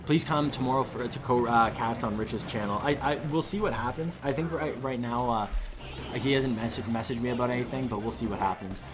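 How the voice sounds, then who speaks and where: Music plays behind a male esports caster commentating a live match in a mid-range voice, fairly quickly. He is losing his voice, and his rambling, excitable talk builds to loud bursts on big plays.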